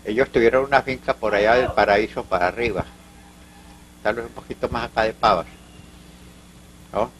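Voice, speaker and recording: A man's voice: mid-range voice, steady tone, fairly bright tone, faint music behind, low-quality recording. An older man from Colombia with a Paisa accent, telling local stories in an oral history interview. He rambles, halts and restarts as he goes. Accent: Colombian Paisa Spanish. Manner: rambling, halting, full of restarts and asides.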